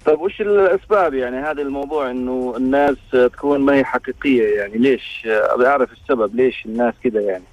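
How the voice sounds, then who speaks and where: A man's voice: medium pitch, fast, dry recording. A man calling a radio show over the phone from his car, polite and rambling with fillers. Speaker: radio caller. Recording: lo-fi phone line, faint music behind.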